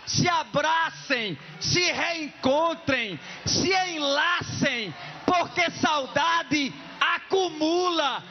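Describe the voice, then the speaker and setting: A man from Pernambuco, Brazil, declaiming rhyming folk poetry on an outdoor festival stage, shouting and chanting his verses to a crowd. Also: very high voice, lo-fi sound, a little hiss or hum. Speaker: poet performer on stage.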